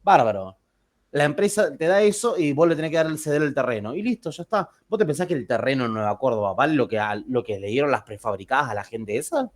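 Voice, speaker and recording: Quick and animated, this medium-pitched male voice belongs to a teacher with an Argentine Spanish accent. He's chatty and joking as he tells anecdotes to the class, frequently starting over.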